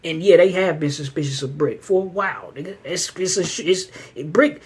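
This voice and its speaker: A man's voice: fairly high pitch, brisk, breathy edge. A man hosting a casual commentary channel, talking loosely in street slang about an ongoing case. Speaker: show host.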